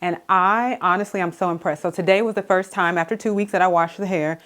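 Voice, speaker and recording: A woman's voice: on the low side, steady tone, fast, fairly bright tone. A woman talking casually to camera in a hair tutorial vlog, chatty and enthusiastic with many fillers, a little out of breath. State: slightly out of breath. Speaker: beauty vlogger. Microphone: camera mic, on camera.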